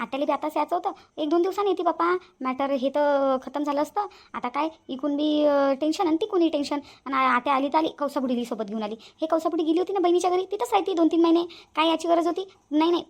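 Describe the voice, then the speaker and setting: Cartoon role: a woman voicing a high, fast, exclaiming village daughter-in-law. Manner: exclaiming, gossipy. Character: chatty young village daughter-in-law, fussing. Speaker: cartoon voice actress. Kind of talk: cartoon family drama dubbing.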